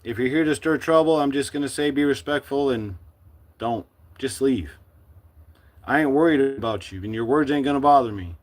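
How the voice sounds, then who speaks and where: A middle-aged man from the United States speaking to his livestream viewers in a forceful, defiant, preachy monologue. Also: mid-range voice, normal speed. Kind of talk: impassioned live-stream monologue.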